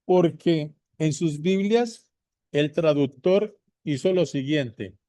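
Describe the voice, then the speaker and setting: A man teaching a Bible lesson to viewers, repeating his points slowly and speaking to them directly. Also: fairly high pitch, warm tone, no room sound. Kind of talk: slow deliberate bible teaching.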